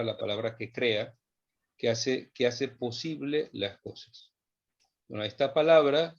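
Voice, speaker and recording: A man teaching a theology class, speaking slowly and with emphasis, repeating phrases as he thinks them through. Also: medium pitch, highs cut off. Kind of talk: lecture. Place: online class session.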